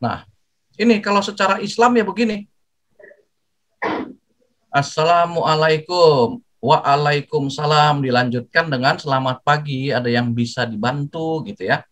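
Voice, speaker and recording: An older man giving a lively, jokey talk to students, acting out greetings as he goes. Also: mid-range voice, fairly quick, low-quality recording. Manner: jokey, animated, acts out greetings. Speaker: guest speaker.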